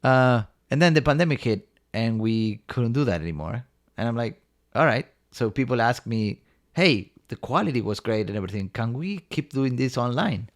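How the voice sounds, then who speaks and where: An Argentine man who co-founded a company tells his story eagerly and casually in an interview, rambling with lots of fillers. His voice is medium-pitched and expressive, and he talks at a normal speed.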